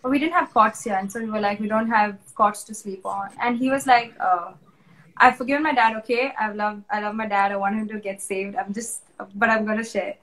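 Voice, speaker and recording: A woman's voice: mid-range voice, steady tone, brisk, fairly bright tone, poor audio. A young woman with an Indian English accent, sharing a personal faith testimony in an interview, earnest and conversational with many fillers. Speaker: interview guest.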